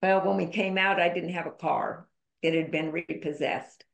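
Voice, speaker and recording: A woman's voice: lowish voice, fairly even intonation, moderate pace, vocal fry. A woman guest on a podcast, telling a personal story in an emphatic, candid way. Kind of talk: conversational storytelling interview. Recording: roomy echo.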